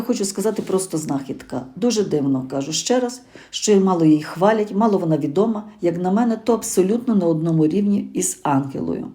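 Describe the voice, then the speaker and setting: Speaking low and mellow, this middle-aged woman from Ukraine runs a gardening channel. She reviews the garden in a relaxed, chatty way, hesitating and correcting herself as she goes.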